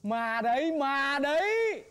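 A woman acting a sharp-tongued householder who teases a sorcerer in comic folk opera. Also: high voice, very animated, exaggerated voice. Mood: mock alarmed. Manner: teasing, quick retorts. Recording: clicky noise in the stage recording.

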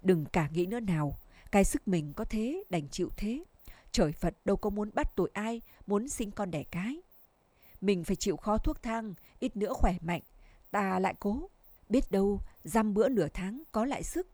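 A woman voicing a gentle consoling husband. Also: medium pitch, animated, normal speed, no echo, lightly acted. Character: rural husband, middle-aged, gentle and consoling.

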